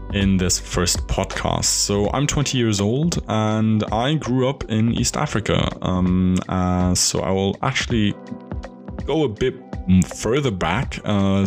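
Low-voiced young German man rambling. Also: darkish tone. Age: 20s. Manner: rambling, with many fillers, restarts and self-corrections. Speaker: podcast host. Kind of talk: casual solo podcast monologue.

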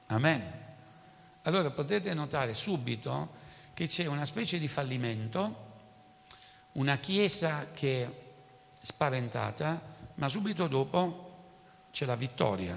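A man's voice: medium pitch, creaky, a bit bright, long reverb tail, slight background noise. A man preaching a sermon, often asking the congregation rhetorical questions.

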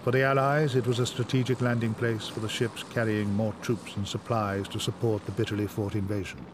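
Low-pitched male documentary narrator. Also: level tone, fairly quick, noisy background. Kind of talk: scripted narration.

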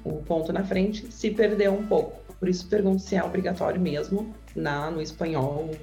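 A woman's voice: lowish voice, fairly even intonation, normal speed, vocal fry, warm tone, soft background music. A woman, co-hosting a casual chat and thinking aloud as she asks questions. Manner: thinks aloud, hedging with "sei lá". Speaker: co-host.

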